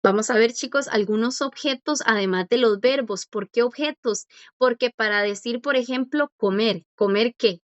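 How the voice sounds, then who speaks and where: A woman's voice: a little high, normal speed, dry recording. A woman teaching a language class, patient and encouraging as she quizzes students and praises their answers. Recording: dull lo-fi dry audio.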